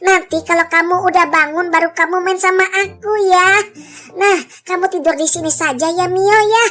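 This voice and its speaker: A woman's voice: very high voice, fairly even intonation, normal speed, pushed and bright. Woman doing a creepy sing-song ghost girl. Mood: coaxing. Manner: sing-song, coaxing, childlike. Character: creepy female ghost who collects little girls. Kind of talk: roleplay narration over game footage. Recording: faint background music.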